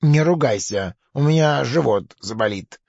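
A sly chuckling crocodile. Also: male voice, mid-range voice, expressive, measured pace, vocal fry, darkish tone, no room sound. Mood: smug teasing. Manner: sly, chuckling, lazy drawl. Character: smug greedy male crocodile. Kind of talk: children's audio play. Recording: slightly dull recording.

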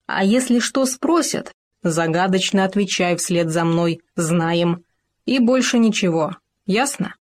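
A cocky, clever hamster, as a woman puts him on, lecturing his friend in slow, deliberate words. His bossy, know-it-all manner sits in a fairly low voice. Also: expressive.

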